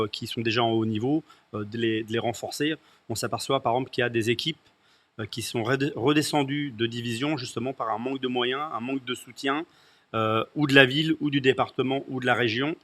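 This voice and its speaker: A man's voice: medium pitch, a bit bright. A man who is a municipal candidate, speaking in a hesitant way and often repeating words. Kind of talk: political discussion.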